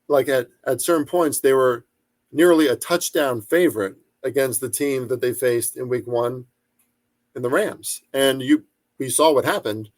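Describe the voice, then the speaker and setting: A young man riffs through sports betting commentary in a loose, profane way. He keeps stopping and restarting with fillers and chatty asides, at a middling pitch. His voice sounds dry and close, with no room echo.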